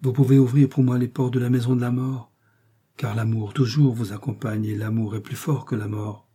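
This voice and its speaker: A man voicing a lonely, centuries-old male ghost who speaks sadly, in a hushed and dreamy way. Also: medium pitch, steady tone, moderate pace, breathy edge, lightly acted. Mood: sorrowful, dreamy.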